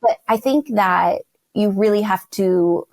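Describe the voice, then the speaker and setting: A young woman speaks as a podcast guest in an easy, chatty way, leaning on fillers. Her voice carries a gravelly fry, and the sound is close and dry, with no room around it. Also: mid-range voice, slow, darkish tone, no room sound. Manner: chatty, fillers like "like" and "you know". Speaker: guest, verbal identity strategist. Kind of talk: casual podcast interview.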